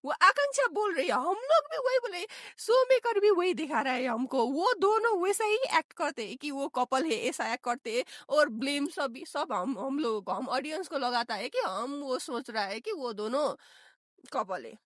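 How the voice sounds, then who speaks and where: High-voiced gossipy young woman commentator. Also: big pitch swings, moderate pace, no echo, clean studio sound. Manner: gossipy, exclaiming, mixes English words. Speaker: reality show commentator. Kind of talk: casual reaction commentary.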